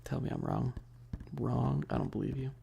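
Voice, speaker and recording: A male ASMR streamer hosts a casual livestream, trading slangy, joking banter with his viewers. His voice sits at medium pitch with a creaky quality and a moderate pace, and there's noise in the background.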